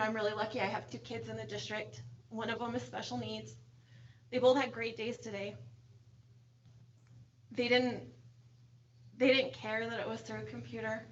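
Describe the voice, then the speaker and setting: Woman board member, fairly high voice, earnest and near tears; muffled room recording. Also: a bit bright, slight background noise. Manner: heartfelt, earnest, repeating "I know". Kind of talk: public remarks at a board meeting.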